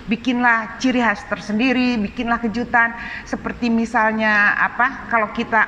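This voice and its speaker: A middle-aged woman from Bandung with a Sundanese accent, an art dealer chatting in an interview, animated and quick to laugh. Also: on the high side, in a large hall, dull audio, a little hiss or hum. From Bandung, Indonesia. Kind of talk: casual interview.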